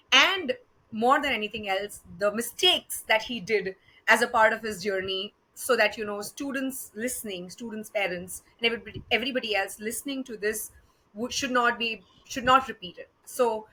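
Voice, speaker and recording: A woman's voice: on the high side, pushed and bright, rough recording. A woman with an Indian accent hosting a podcast interview in a conversational, effusive and encouraging way. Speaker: podcast host.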